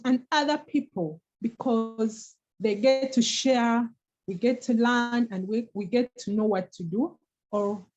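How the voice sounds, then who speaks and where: A woman co-host whose voice is on the high side and mellow gives a sincere, uplifting motivational talk on forgiveness and getting past things. The sound is dull and lo-fi, like an online call.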